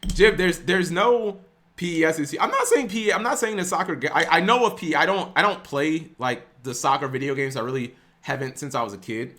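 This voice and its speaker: A man's voice: fairly high pitch, brisk, bright, forceful tone. A young man streaming, ranting casually to his live chat with lots of restarts and some swearing.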